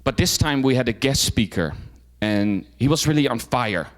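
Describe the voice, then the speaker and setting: With lively intonation and a medium pitch, a young man from the Netherlands talks at a moderate pace about his own experiences to a club audience. As a guest speaker, he's informal and often restarts or fills pauses.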